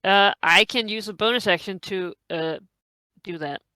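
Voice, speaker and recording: A woman's voice: mid-range voice, moderate pace, pushed and bright, smooth. A woman chatting casually as a player in a tabletop role-playing game.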